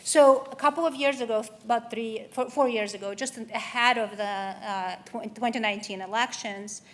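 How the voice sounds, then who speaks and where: A woman from Russia delivers an earnest, personal keynote in an event hall at a conference. Her voice is fairly high and moderately paced, with frequent ums and restarts.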